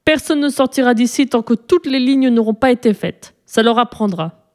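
A woman's voice: on the high side, moderate pace, pitched above the performer's own voice, lightly acted. Woman doing a pompous old school principal. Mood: smug. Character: stern older male school principal.

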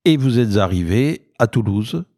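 A man's voice: fairly low pitch, lively intonation, normal speed, darkish tone, no room sound, studio quality. A man interviewing a guest, prompting with conversational questions.

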